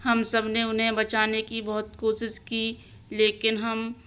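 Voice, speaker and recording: A woman's voice: on the high side, completely flat delivery, a little slow, fairly bright tone, clean tone. A woman voicing a caring village mother in a doll story, soothing and given to worried exclamations. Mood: sad. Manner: soothing, fussing, exclaims often.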